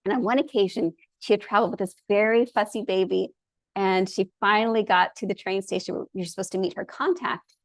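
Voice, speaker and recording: A woman's voice: mid-range voice, fairly even intonation, fairly quick, no echo. Earnest woman giving a storytelling lecture. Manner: earnest and enthusiastic. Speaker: presenter.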